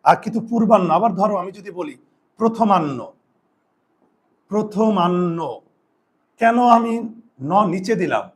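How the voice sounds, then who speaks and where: A man's voice: high voice, expressive, fast talker. A man teaching a spelling lesson to students, repeating each rule and asking questions he then answers himself. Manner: repeats rules, asks and answers own questions. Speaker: Bengali grammar teacher.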